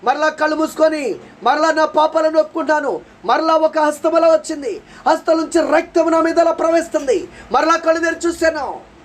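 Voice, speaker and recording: Here a male preacher, very high-voiced and fairly fast, tells his personal testimony with drama. Repeated phrases and sincere, pleading prayers fill the sermon, with a little background noise behind him.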